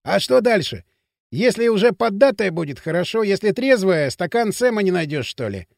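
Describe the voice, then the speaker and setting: Brash teen lad, pushy slang, high lively voice, dry close sound; male narrator doing the voice. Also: moderate pace, gravelly, no room sound, exaggerated voice. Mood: scheming. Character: cocky bossy teenage boy from town outskirts. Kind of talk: audiobook character voice.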